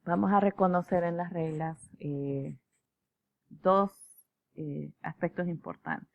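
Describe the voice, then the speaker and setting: Woman lecturer, low gravelly voice, dry dull lo-fi recording. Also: steady tone, no echo. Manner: measured, explanatory, with fillers and "¿verdad?" checks. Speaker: teacher.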